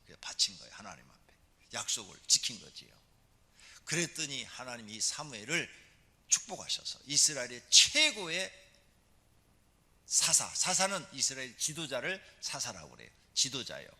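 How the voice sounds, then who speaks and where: A male pastor preaches with animated storytelling, his pitch leaping and dropping. His voice is bright and a little husky, and it rings in the long reverb of a church sanctuary. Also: moderate pace. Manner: animated storytelling, calls for amen responses. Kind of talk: sermon.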